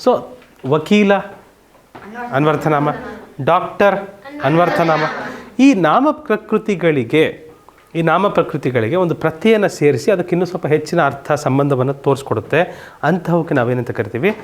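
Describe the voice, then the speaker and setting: A male teacher with a somewhat high voice for a man runs a grammar lesson in a classroom at a moderate pace. He quizzes the children constantly and patiently repeats each point, with slight background noise.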